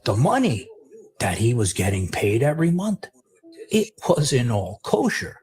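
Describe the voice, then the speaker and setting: A man hosting a live stream, telling the story with animated, profane commentary. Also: a little high. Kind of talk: commentary on a played clip.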